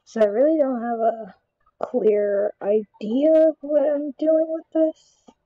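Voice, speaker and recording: Southern woman, art vlog host, soft husky voice, slow self-muttering commentary, dry dull home mic. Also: high-pitched, no room sound. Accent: Southern American. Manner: relaxed, talks to herself while painting, mutters and whispers. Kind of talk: casual painting vlog commentary.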